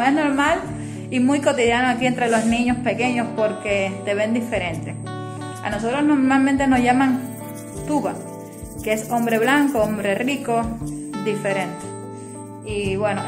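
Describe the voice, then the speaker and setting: A woman with a Cuban accent vlogging from her hospital department, chatting to viewers and coaxing a crying child. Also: fairly high pitch. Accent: Cuban Spanish. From Cuba. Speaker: vlogger and ultrasound worker. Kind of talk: casual vlog chat to viewers. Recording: music playing under the voice.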